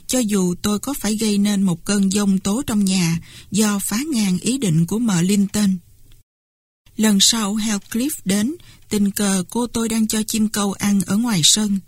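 A woman reads a classic novel aloud in a steady first-person telling, her voice of middling pitch with a husky grain. The recording is close and dry, with no room sound. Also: dry recording. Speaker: audiobook narrator. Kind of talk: scripted narration.

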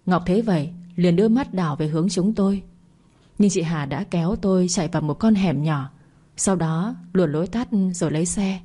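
A woman narrates a first-person bedtime story in a calm, steady way. Her voice sits slightly low and sounds warm and mellow. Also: a little fast, husky.

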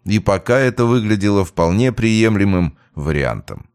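A man narrating a first-person audiobook with expressive storytelling. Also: on the low side, moderate pace, clean tone, no room sound, studio quality.

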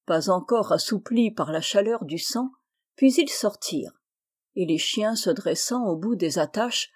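A woman narrating a classic short story aloud in a measured, expressive reading. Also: medium pitch. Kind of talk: literary audiobook reading.

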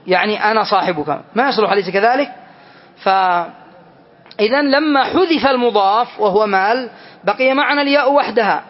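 A man teaching a classroom grammar lesson, explaining step by step and checking with students through questions. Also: high-pitched. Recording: dull lo-fi lesson recording.

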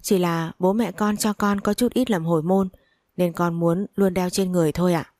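A woman's voice: fairly low pitch, fairly even intonation, moderate pace, darkish tone, natural voice. A woman reading the lines of a timid young bride who answers politely and deferentially. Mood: pleading.

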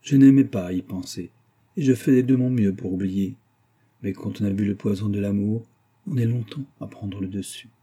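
A man reading a classic novel aloud as narrator, expressive and giving characters their own voices. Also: on the low side, moderate pace, slightly rough. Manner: expressive, reads dialogue with voices. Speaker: audiobook reader.

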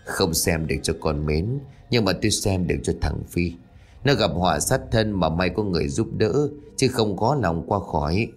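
A man voicing a frail old village spirit medium who speaks in a slow, weary murmur. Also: deep voice, lively intonation, soft background music. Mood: weary, uneasy.

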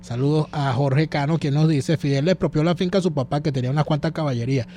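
Sardonic Venezuelan radio host. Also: male voice, a little high, steady tone, quick pace, warm tone, a little hiss or hum. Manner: blunt, sardonic remarks. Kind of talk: casual radio talk, taking calls.

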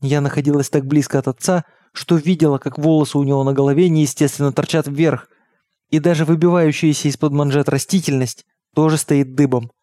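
Guy reading an audiobook, bit high voice, soft mellow tone, dry close sound. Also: fairly even intonation, fairly quick, no echo. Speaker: audiobook reader. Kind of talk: scripted narration.

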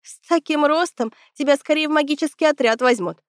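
A woman's voice: sits high, fairly quick, no room sound, clean studio sound, voice pushed up, natural voice. A woman voicing a mocking young male cadet who talks in a teasing, sarcastic way.

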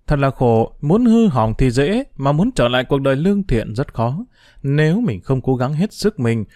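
A man reading a first-person diary novel aloud, emotional and expressive. His voice is dark and mellow, and his pitch moves widely through each sentence. The recording is close and dry. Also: dry recording. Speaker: audiobook narrator.

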